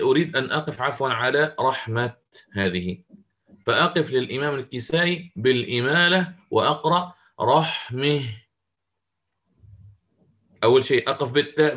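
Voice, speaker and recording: A man leads an online class on Quranic recitation. His voice sits at an ordinary middle pitch. He walks through each rule step by step and keeps stopping to question his students. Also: fairly bright tone. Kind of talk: interactive online lesson.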